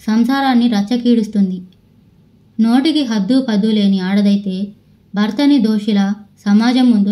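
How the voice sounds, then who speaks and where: A woman narrator reading a novel aloud in a steady storytelling manner. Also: mid-range voice, low-quality recording. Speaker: audiobook narrator.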